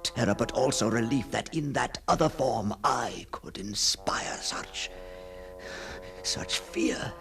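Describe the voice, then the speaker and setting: An actor, speaking over music at a fairly low pitch, plays a haunted, obsessive gentleman relating his own ghost story. The theatrical radio monologue halts often and sinks toward breathy whispers, hushed and haunted.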